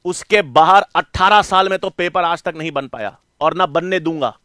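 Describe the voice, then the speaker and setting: Middle-aged guy teaching biology online, high bright voice, dry sound, keeps asking the kids stuff and answering himself. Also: moderate pace, no echo. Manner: coaxing, calls students "beta" and "bachche"; asks questions and answers them himself. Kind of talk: online class lecture.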